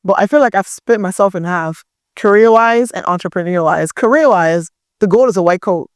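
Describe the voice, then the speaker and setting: A woman's voice: mid-range voice, normal speed, no echo, studio quality. Chatty young Nigerian woman. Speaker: guest, caterer. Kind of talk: casual chat.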